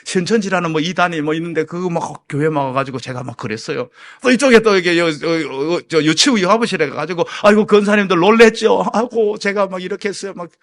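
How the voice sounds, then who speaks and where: A middle-aged male pastor preaching an evening church sermon, telling a personal story in an animated way and acting out his own shouting and the lines of others. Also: on the high side, fast, hardly any pauses.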